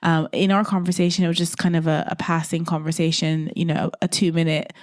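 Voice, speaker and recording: Woman, solo podcast host, lowish voice, dry close sound. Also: little pitch movement, brisk, a little mellow, dry recording. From Barbados. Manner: reflective, repeats phrases, drops to a whisper for emphasis.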